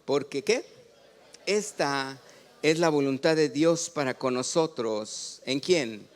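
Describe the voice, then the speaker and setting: A Mexican man, a pastor, preaching a sermon. He asks the congregation questions, has them read along, and often builds up to loud exclamations. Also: a little high, takes it slowly.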